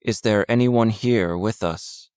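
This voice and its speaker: A man reading the lines of an aloof, wealthy woman medium in an audiobook, in a measured, cool and slightly haughty way. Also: on the low side, a little mellow, smooth, no echo, clean studio sound, voice pushed up.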